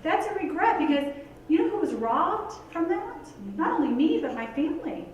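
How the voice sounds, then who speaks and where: A woman's voice: very high-pitched, sing-song, normal speed, muffled recording, slight background noise. A woman giving a motivational talk to a live audience, earnest and conversational, full of "like" and "you guys". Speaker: motivational speaker. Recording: echoey hall picked up from a distance.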